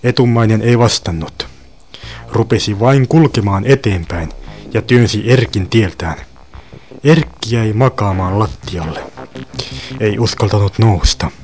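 A man narrating a dark short story in an even, deliberate, dry manner. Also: lowish voice. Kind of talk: dramatic short story reading.

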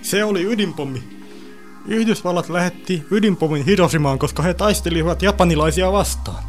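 A man voicing a small, quiet but stubborn boy pupil in a storybook reading. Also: high voice, soft background music, pitched above the performer's own voice, lightly acted. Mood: matter-of-fact. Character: small timid boy pupil lost in time.

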